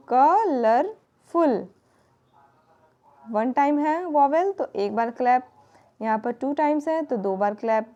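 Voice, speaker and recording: This is a woman teaching a children's lesson. Her voice sits fairly high but sounds mellow and warm. She talks very slowly and spells words out one letter at a time. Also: highs cut off. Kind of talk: explaining a textbook lesson to children.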